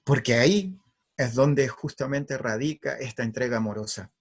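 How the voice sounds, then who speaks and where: A man's voice: medium pitch, moderate pace. A man giving an earnest, emphatic spiritual talk. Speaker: spiritual speaker.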